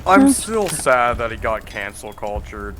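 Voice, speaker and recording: A man's voice: mid-range voice, very animated, a little slow, a crowd in the background. A man gaming with friends, bantering in a teasing, profane way. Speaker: streamer playing a shooter. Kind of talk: casual gaming chat. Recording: voice chat with game gunfire behind.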